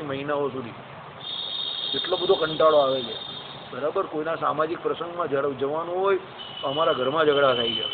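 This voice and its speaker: A man giving a conversational devotional sermon, often asking his listeners "right?". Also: fairly high pitch. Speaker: religious discourse speaker. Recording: tinny phone-like audio, noisy.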